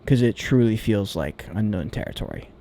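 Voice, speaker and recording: A man's voice: fairly low pitch, expressive, moderate pace, warm tone. A man vlogging a candid, reflective monologue about himself. He talks in a searching, hesitant way and swears freely.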